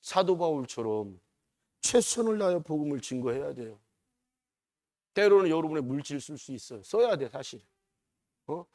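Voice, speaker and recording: A middle-aged man preaching a sermon in a church, moving from quiet talk to loud, urgent exclamations and asking the congregation frequent questions. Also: on the high side, very animated, normal speed, long pauses, dry recording, studio quality. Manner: preaching with big swings from soft to shouting, rhetorical questions. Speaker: pastor. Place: church sanctuary.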